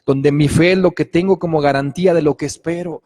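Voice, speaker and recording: A man's voice: on the high side, fairly even intonation, a little fast, a little mellow, big-room sound. A middle-aged man preaching a sermon, telling a personal story earnestly and checking in with listeners often.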